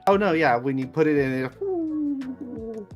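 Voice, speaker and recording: Animated man chatting over music. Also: sits high, a little slow. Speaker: player. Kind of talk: casual tabletop game chat. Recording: music behind the voice.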